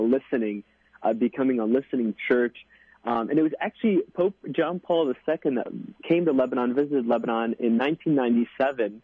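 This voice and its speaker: A young man in his twenties, a deacon and guest, talks in an earnest, halting way full of fillers. He comes through a dry, thin phone line. His voice sits in a middling register. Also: mid-range voice, slightly rough, no echo. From United States. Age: 20s. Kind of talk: interview on radio.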